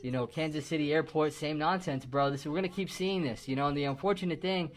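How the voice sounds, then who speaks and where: A man's voice: on the high side, fast. A man commenting casually on a clip in an emphatic, slangy way, warning his viewers. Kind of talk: casual chat.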